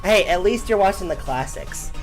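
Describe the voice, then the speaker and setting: A man's voice: high-pitched, lively intonation, moderate pace, faint music behind. A man in his twenties chatting casually on a gameplay livestream, rambling and laughing often as he reads chat. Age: 20s.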